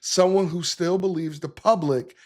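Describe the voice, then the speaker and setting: A man's voice: high-pitched, steady tone, moderate pace. A man hosting a political commentary show, talking in an emphatic, conversational way and reacting to the clips he plays. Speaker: podcast host.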